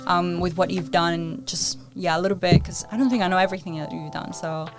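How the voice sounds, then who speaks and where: A woman's voice: on the low side, fairly even intonation, a little fast, soft background music. A woman in her twenties, a podcast co-host, chatting casually and rambling with lots of fillers. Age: 20s. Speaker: podcast co-host, student union president. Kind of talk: casual chat.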